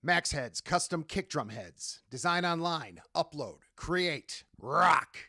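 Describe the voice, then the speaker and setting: A man's voice: a little high, lively intonation, takes it slowly. A man reading commercial voice-over spots in short, punchy phrases. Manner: punchy ad read. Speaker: advertisement announcer.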